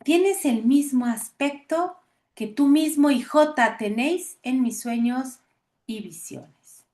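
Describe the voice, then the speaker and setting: A woman's voice: high-pitched, slow, darkish tone. A woman reading the lines of an earnest man meeting his spiritual teachers, eager in tone.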